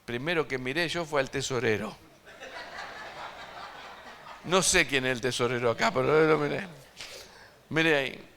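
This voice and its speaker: A man preaching an evangelistic sermon to a congregation, emphatic and swinging between loud and hushed, asking his listeners direct questions. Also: mid-range voice, moderate pace, vocal fry, long pauses, a little hiss or hum. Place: church service before a congregation.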